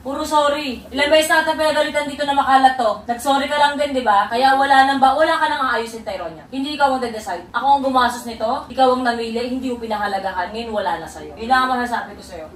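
A woman's voice: high-pitched, fast, few pauses, echoey room, distant mic, a little hiss or hum, low-quality recording. A mother scolding her daughter sternly in a vlog, repeating pointed questions. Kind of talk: vlog confrontation.

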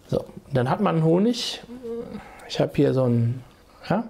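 This casual how-to video features a man in his forties, hoarse with a cold, explaining beekeeping to a desk webcam from a small home room. His slightly high voice has a sing-song lilt, vocal fry and mellowness, moving at a moderate pace. Chatty and direct with viewers, he frequently restarts his sentences.

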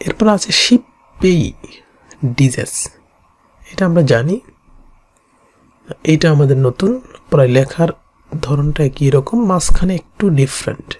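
A teacher with a Bangladeshi Bengali accent leads a kanji lesson, saying each reading twice and walking through the strokes. The voice is dark and mellow at a middling pitch. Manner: repeats each reading slowly, explains stroke by stroke.

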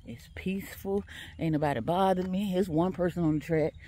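A woman's voice: on the low side, fairly quick, warm tone, a little hiss or hum. A woman chatting casually to her viewers while she walks on an outdoor track, laughing often and talking straight to them. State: walking outdoors, a bit tired. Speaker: vlogger.

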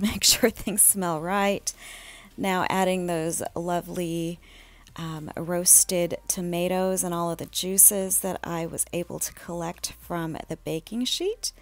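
Relaxed woman with a gravelly low voice. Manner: relaxed, chatty, with fillers and small laughs. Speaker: home cook vlogger. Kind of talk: casual cooking voice-over.

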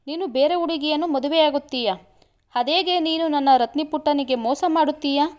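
A woman's voice: high-pitched, a little fast, natural voice. A woman reading aloud, voicing a protective older brother who questions and scolds his sister's sweetheart. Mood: angry. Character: protective older brother, stern young man.

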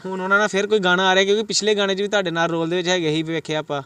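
A man's voice: sits high, level tone, rapid-fire, pushed and bright, clean tone, no echo. A man interviewing a singer for a web news channel, eager and promotional, urging viewers on. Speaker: reporter, interviewer.

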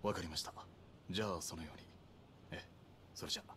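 An actor playing a sardonic young real estate enforcer in a video game, with rough, insolent yakuza-style street speech. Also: male voice, sits low, quick pace, a bit bright, slight background noise. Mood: businesslike. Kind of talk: video game drama acting.

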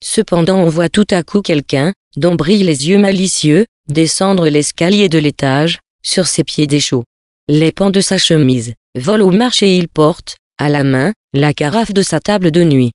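A narrator reading old tales in a measured, literary manner. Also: medium pitch, darkish tone, no echo, studio quality.

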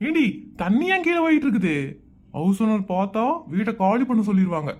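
A performer doing a grumbling, easygoing cartoon father at an ordinary pitch. he waves off the quarrel with dismissive remarks. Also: very animated, fairly quick, darkish tone.

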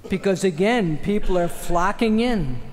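An older man preaching a homily as a priest at a church lectern, in a measured cadence on a podium microphone. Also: sits high, lively intonation, slight background noise. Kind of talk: homily and liturgy. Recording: long church reverb.

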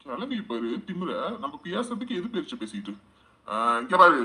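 A man's voice: high voice, sing-song, normal speed, sharp tone, heavily acted, rough recording. A man playing an irritated, short-tempered man who scolds and threatens an old woman. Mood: annoyed.

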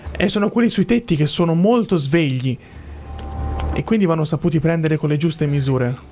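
A man's voice: fairly high pitch, moderate pace, a little hiss or hum. A man hosting a gaming video, commenting casually and thinking aloud to his viewers as he plays. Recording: loud game music behind.

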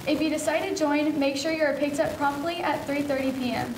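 A woman's voice: high voice, steady tone, fairly quick, roomy sound, background noise. A teenage girl co-anchoring a school news show, steadily reading scripted announcements. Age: teens. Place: school TV studio.

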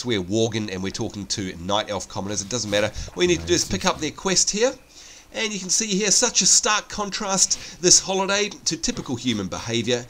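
Here the same Australian gameplay host, stuffy and nasal from hay fever as though his nose is pinched, chats away explaining things to his viewers. His voice sits at a medium pitch and is a bit bright, with a little hiss or hum in the audio.

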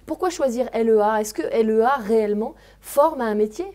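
Holding a handheld mic on a TV studio set, a woman in her thirties asks brisk interview questions, often hesitating with fillers. Her voice is fairly high and warm in tone.

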